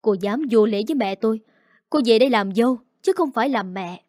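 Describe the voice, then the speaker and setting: A woman's voice: on the high side, expressive, a little fast, a little mellow, no echo, studio quality, natural voice. A woman voicing a hot-tempered young husband who is devoted to his mother and talks in a cold, stern, threatening way.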